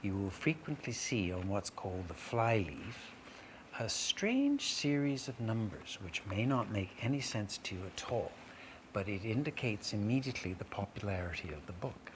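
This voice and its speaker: A man's voice: fairly low pitch, lively intonation, moderate pace. A man hosting a live children's event, explaining things in formal, wordy, articulate phrases. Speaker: event host. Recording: noisy live room.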